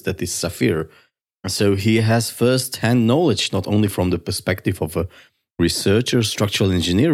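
A man hosting a podcast in an upbeat, curious and informal manner, introducing and interviewing. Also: sits low. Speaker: podcast host.

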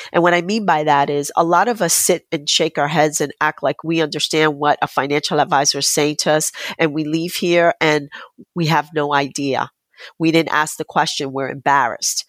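A woman with a low voice talks as an expert guest in an interview. She explains things in plain, conversational terms and stresses her points. The sound is dry, with very little room to it. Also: no room sound. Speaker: financial advisor, interview guest.

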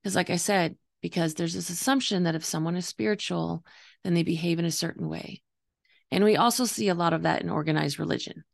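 A woman with a gravelly, slightly hoarse voice talking earnestly and reflectively as a coach hosting a solo podcast, explaining her views. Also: on the low side, fairly quick. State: voice partly gone, slightly hoarse. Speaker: intuitive coach and podcast host.

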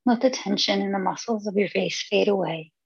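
A woman guides a meditation in a soft, husky voice with a creaky edge. She is soothing and unhurried, leaving space between short phrases. The recording is close and dry, with a slightly dull sound. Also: medium pitch, dry recording. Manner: soothing, unhurried delivery with pauses.

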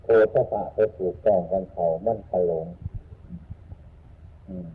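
A man with an Isan accent giving an unhurried Buddhist dharma talk as a monk, repeating his points and humming between phrases. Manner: unhurried, repetitive teaching with frequent hums. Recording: tinny phone-like lo-fi sound with faint noise.

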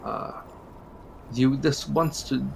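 A man's voice: mid-range voice, takes it slowly, gravelly, slight background noise. A man co-hosting a podcast in casual chat, explaining game strategy at length and chuckling often. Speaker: podcast co-host.

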